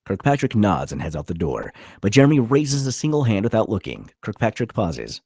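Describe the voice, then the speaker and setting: At a table read, a man reads a screenplay's stage directions in a low, rough-edged voice, his pitch shifting animatedly. He talks a little fast, and the recording is dry and close, with no room sound.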